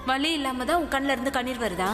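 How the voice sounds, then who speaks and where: A woman's voice: high voice, animated, quick pace, big-room sound. An anxious, fussing mother. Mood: worried. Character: worried, loving mother. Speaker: mother in a dubbed serial. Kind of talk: dubbed TV serial drama. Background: background music.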